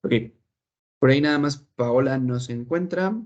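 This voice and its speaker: A man's voice: mid-range voice, moderate pace, a little mellow. A male English teacher leads an online class. He is patient and keeps checking that everyone understands. His voice sits mid-range and comes through a slightly dull, lo-fi call line. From Mexico. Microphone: video call.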